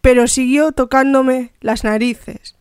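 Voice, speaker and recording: A woman reading a novel aloud for a radio programme in a measured, deliberate way. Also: high voice, steady tone, clean tone, no echo, clean studio sound. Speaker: radio reader. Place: radio studio.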